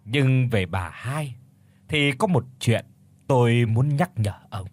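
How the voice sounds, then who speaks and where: A man voicing a proud village herbal healer who talks slowly and self-importantly. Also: mid-range voice, animated, a little mellow, no echo. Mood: grave.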